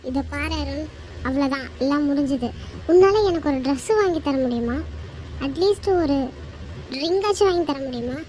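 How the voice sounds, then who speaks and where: A high, light voice of a young woman in a homemade cartoon, cold and firm as she ends things, played by a performer. She speaks curtly and decisively, with a faint hiss in the background. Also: normal speed, darkish tone, natural voice, rough recording. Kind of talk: amateur cartoon voice acting.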